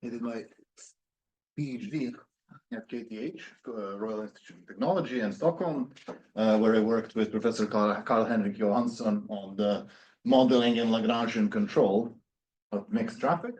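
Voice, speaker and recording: A man's voice: lowish voice, moderate pace, darkish tone, lo-fi sound. A man in his thirties from Serbia, giving an academic lecture with many fillers and restarts. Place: university seminar room.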